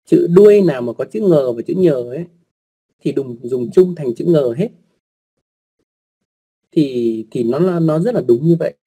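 A man with a dark, gravelly voice and a husky edge talks an online class through writing rules. He goes slowly and patiently, repeating words, adding fillers and polite asides to his learners. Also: fairly high pitch, animated. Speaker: online language teacher.

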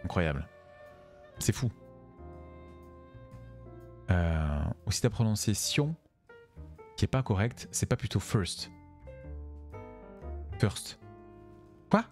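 A man streaming a video game, talking casually and joking with his viewers, thanking them one by one. His voice sits a little low but moves around a lot, with faint game music playing behind him. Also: sing-song, slow pace, long pauses, darkish tone. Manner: chatty, thanks viewers by name, jokey. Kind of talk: casual let's-play commentary.

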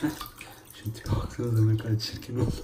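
In a noisy, echoey bathroom at home, a man bathes his pets beside the tub and chats casually to his phone camera, alternately coaxing and scolding them. He's a pet vlogger with a fairly low, flat voice and a quick pace, and water runs and splashes in the background.

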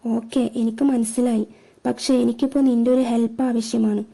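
A woman voicing a guilty young man on the phone, hurried and apologetic. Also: fairly high pitch, flat delivery, creaky, mellow.

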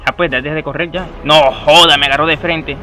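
Young guy yelling and cursing at a boss fight, bright punchy voice, bit higher pitched. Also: fairly even intonation, fast, soft background music. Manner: loud, swearing, shouting at the game. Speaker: gameplay streamer. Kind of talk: excited gameplay commentary.

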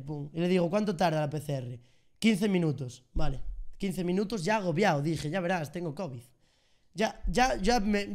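High-voiced young Spanish man telling a story. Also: gravelly. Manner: animated, sound effects and slang. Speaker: streamer. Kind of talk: casual storytelling vlog.

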